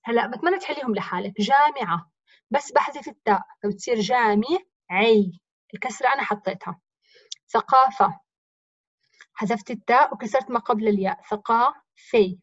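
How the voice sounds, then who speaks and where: A woman's voice: a little high, fast, fairly bright tone, breathy edge, no room sound, highs cut off. A woman teacher with a Levantine accent, explaining grammar step by step by asking and answering her own questions in a recorded lesson. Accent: Levantine Arabic. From Jordan.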